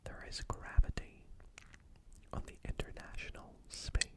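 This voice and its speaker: A woman whispering facts slowly for ASMR, breaking off into chatty asides about what she reads. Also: rough recording. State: sleepy, yawning. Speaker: ASMR creator. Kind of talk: whispered ASMR fact reading.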